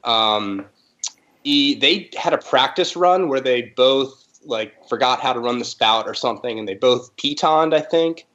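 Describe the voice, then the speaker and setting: A man's voice: medium pitch, animated, measured pace, a bit bright, muffled recording. A man who helps organize a race, chatting casually and loosely over a video call, with plenty of fillers. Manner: laid-back, full of fillers. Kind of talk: casual podcast chat.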